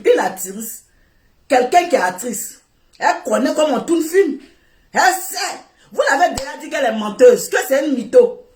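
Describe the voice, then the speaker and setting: A high-pitched woman delivers a heated rant straight at a man, scolding, repeating herself and bursting into shouts. Her voice rings around an echoey room. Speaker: online commentator.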